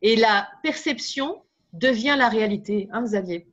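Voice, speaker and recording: A woman speaker trainer giving a live workshop talk, lively and chatty, with many tag words and asides to the room. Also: on the high side, normal speed. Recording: dull, lo-fi live recording.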